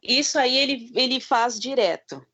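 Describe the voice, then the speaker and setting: A woman from the south of Brazil, a parent, asking a question on a video call. She speaks haltingly and searches for her words. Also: a little high, pushed and bright, slight background noise. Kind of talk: webinar question. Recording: muffled video-call audio.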